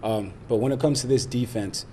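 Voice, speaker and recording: A man's voice: mid-range voice, brisk, mellow, a little hiss or hum. A man, a football player, answering interview questions in a rambling way full of fillers.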